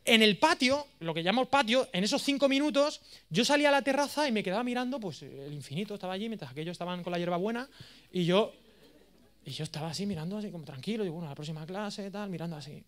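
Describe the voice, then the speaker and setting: A man in his thirties with an accent from Spain, giving a course lecture as a lively, self-mocking storyteller. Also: high voice, quick pace. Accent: Spain Spanish. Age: 30s. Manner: animated, self-mocking, jokey.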